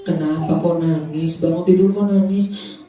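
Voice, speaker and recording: A woman voicing a father who keeps asking short, firm questions in a lowered voice, in a live storytelling for kids. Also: fairly even intonation, normal speed, natural voice. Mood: questioning. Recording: echoey room from far off, kids and music behind.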